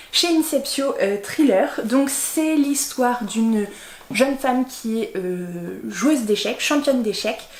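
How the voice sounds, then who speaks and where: A woman's voice: fairly high pitch, a little mellow. Chatty young woman in an echoey room. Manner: chatty, rambling with many fillers and self-corrections. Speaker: book vlogger. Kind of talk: casual chat presenting a reading list.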